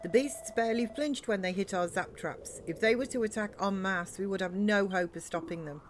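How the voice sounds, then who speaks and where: A woman's voice: medium pitch, normal speed, slight background noise, lightly acted. A woman voicing an earnest, formal soldier and builder in game dialogue read aloud. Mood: grave. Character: earnest, formal soldier-builder questioning beliefs and rallying allies.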